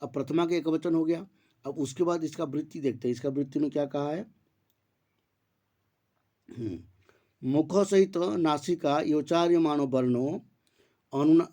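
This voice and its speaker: A male teacher giving an online grammar lesson, his voice sitting a little high yet soft and mellow in tone. He walks through each rule by posing questions and answering them himself. He recites the sutras slowly, syllable by syllable. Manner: explains step by step, asks and answers his own questions.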